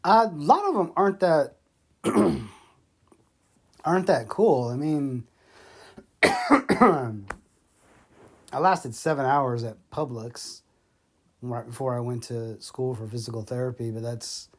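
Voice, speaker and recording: A man's voice: mid-range voice, expressive, slow pace, long pauses. Brief: middle-aged man, loose foul-mouthed storyteller, laughs through his anecdotes, phone-recorded chat. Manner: profane, rambling, laughs often. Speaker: father telling stories to his son. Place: home in North Georgia. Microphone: iPhone.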